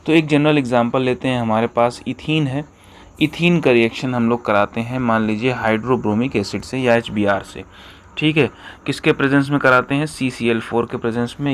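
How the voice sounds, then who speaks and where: A man at an ordinary middle pitch teaching a chemistry class. He asks himself questions and answers them, repeats each key term, and keeps checking in with his listeners. A faint hiss sits under the recording. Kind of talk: explanatory lesson with rhetorical questions.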